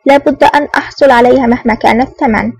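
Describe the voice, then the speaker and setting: A woman's voice: high voice, steady tone, fast talker, gravelly, breathy edge, heavily acted. A woman reading a scheming male secret agent who feigns anger in an audiobook. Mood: hushed. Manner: curt, mock-angry. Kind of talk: audiobook narration.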